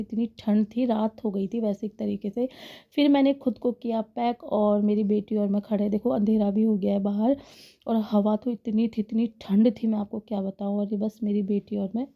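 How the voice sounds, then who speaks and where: A woman's voice: medium pitch, phone-quality sound. A woman in her thirties narrating a casual family vlog voice-over, chatty and often laughing as she talks to her viewers. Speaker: vlogger.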